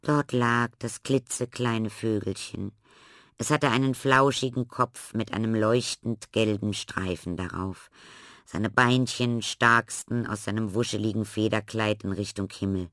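Male storybook narrator, lower voice, dry close mic, expressive delivery. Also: measured pace, no room sound. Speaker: audiobook narrator. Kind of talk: scripted children's story narration.

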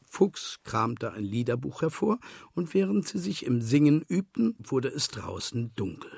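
A man's voice: medium pitch, big pitch swings, a little slow, gravelly, a little mellow, slightly rough, no echo, clean studio sound. A man reading a children's storybook aloud as narrator, telling it expressively.

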